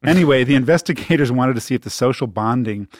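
A man's voice: medium pitch, fast talker, dry recording, studio quality. A man co-hosting a medical radio show, with playful, teasing banter and self-mocking jokes. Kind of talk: scripted medical news banter.

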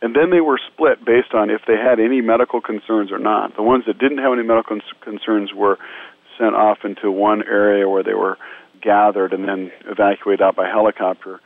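A disaster relief medical team member tells a radio interviewer about his relief work with earnest sincerity. He speaks briskly in a steady, lowish tone, and the dry recording carries a narrow phone-line quality.

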